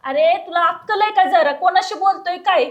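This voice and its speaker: A woman's voice: very high-pitched, normal speed, muffled recording. An actress playing a young runaway bride who regrets her marriage, scolding and wailing. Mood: furious. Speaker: actor. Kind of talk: comic village drama acting.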